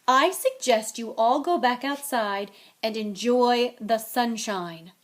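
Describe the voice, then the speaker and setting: A stern older schoolmistress from a storybook, acted out by a woman reader. She is clipped and authoritative, quick to scold, with a fairly high voice that lifts firmly as she lays down the rules. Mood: stern, suspicious. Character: stern, brisk older female professor, quick to anger.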